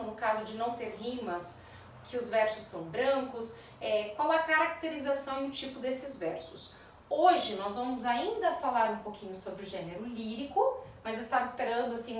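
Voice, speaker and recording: A woman's voice: on the high side, slight background noise. A Brazilian Portuguese-speaking woman teaching a remote literature class, explaining step by step and checking in with her students. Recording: echoey room, mic at a distance.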